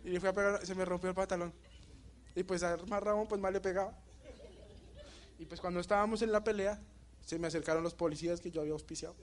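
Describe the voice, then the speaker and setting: A young man with a Bogotá Colombian Spanish accent, giving a motivational talk and telling a story with animated energy, often asking the audience questions. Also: high voice, fast, long pauses, slight background noise. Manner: animated storytelling, asks the audience questions, laughs at his own jokes. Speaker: motivational speaker.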